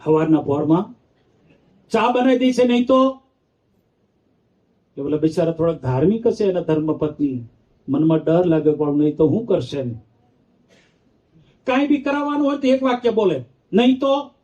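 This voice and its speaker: A man's voice: a little high, animated, normal speed, long pauses, mellow. A male monk giving a storytelling sermon, playfully acting out characters and teasing his listeners. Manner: playful, acts out the characters, teases the audience. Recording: dull lo-fi sound.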